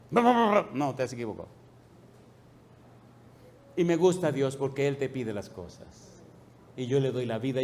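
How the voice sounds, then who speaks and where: A middle-aged male pastor preaching a sermon, pressing the congregation with repeated questions and dropping to a soft low voice at the ends of phrases. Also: a little hiss or hum.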